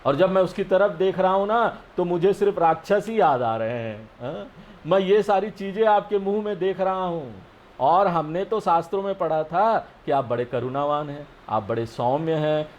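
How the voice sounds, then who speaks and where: A man giving a scripture lesson. He explains each verse slowly and often checks with his listeners. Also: fairly high pitch, expressive, a little mellow. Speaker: spiritual teacher.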